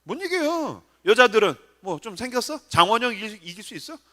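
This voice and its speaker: A man's voice: high-pitched, quick pace, sharp tone. A male pastor in his forties giving a casual, joking sermon to teenagers and often quizzing his listeners. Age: 40s. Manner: casual, joking, asks the crowd questions. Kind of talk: animated youth sermon. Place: church sanctuary.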